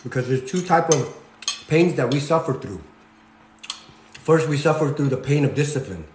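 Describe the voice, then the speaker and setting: A man's voice: medium pitch, lively intonation, moderate pace, darkish tone, roomy sound, slight background noise. A man in his forties, born in Cambodia, giving a preachy motivational talk while he cooks, repeating "okay?" and "you guys". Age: 40s. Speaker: fitness vlogger. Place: home kitchen.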